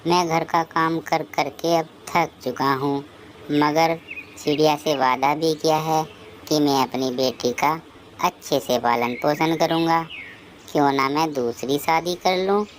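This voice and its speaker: Brief: gentle, weary male sparrow dad in a cartoon, voiced by a woman, slow, faint hiss. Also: sits low. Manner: pleading and tearful. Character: grieving male sparrow father, gentle, worn out. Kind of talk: cartoon voice acting.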